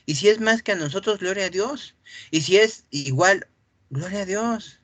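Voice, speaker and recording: Animated preacher, dry sound. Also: male voice, sits high, moderate pace, no room sound. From Mexico. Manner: animated, acts out voices from the scripture reading; clears his throat often. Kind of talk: sermon.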